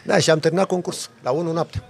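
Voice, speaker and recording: A man, a podcast guest, telling a lively story in a casual chat with vivid sound effects. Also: a little high, gravelly. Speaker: podcast guest, off-road driver.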